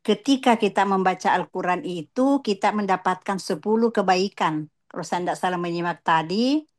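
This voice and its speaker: A woman's voice: medium pitch, moderate pace. A woman from Makassar calling into an online religious study session, asking questions politely and deferentially. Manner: polite, deferential, repeats her thanks. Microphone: online call.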